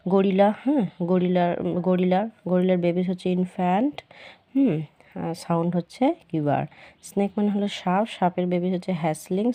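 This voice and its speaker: A woman teacher, explaining a children's workbook lesson patiently and repeating the answers slowly. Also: lowish voice, dark tone.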